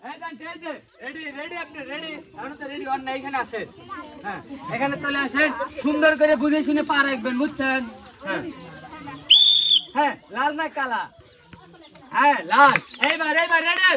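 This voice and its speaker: A man hosting an outdoor game, energetically coaxing contestants and calling for applause. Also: very high voice. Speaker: game host. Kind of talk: lively game-show announcing. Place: outdoors in a public street setting. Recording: loud outdoor crowd noise.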